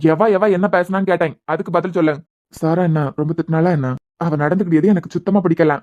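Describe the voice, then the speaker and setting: A woman's voice: fairly low pitch, steady tone, highs cut off, natural voice. A woman voicing a blunt, teasing young husband with a Kanyakumari accent. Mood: probing. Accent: Kanyakumari Tamil. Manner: blunt, teasing, quick talk. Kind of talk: cartoon voice acting.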